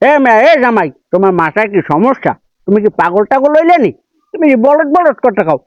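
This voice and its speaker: A fussy, doting grandfather is voiced by an older actor in a comic village drama, scolding in a high-pitched, sing-song tone and talking quickly. The recording is dry, dull and lo-fi, with faint music behind him.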